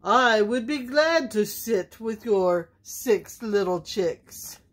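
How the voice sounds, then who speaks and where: Woman doing storybook wolf, lonely, sweet, polite, slow. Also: medium pitch, lively intonation. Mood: sweetly earnest. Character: lonely big bad male wolf trying to be good.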